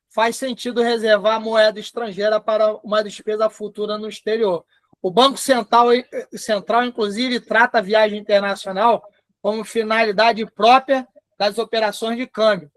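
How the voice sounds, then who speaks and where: A man with a Brazilian Portuguese accent teaching a live online class in a chatty way, often dictating slowly word by word. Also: extremely high pitch, a bit bright, dry recording, studio quality. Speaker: instructor.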